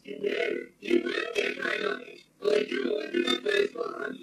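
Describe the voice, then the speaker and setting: A man voicing a menacing male alien invader who calls in over a phone line, speaking slowly and with grand formality in a whispered growl. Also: monotone, fairly bright tone, soft background music, exaggerated voice. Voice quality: deep gravelly whispered growl. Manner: slow, threatening, grandly formal. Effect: heard over a phone line. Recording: distant roomy phone line with faint hiss.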